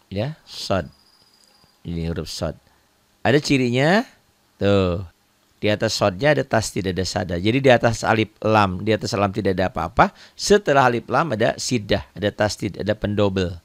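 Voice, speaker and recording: A man's voice: on the low side, no room sound. A man with an Indonesian accent teaching beginners to read the Quran, patiently repeating each point and pointing at examples. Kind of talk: online recitation lesson.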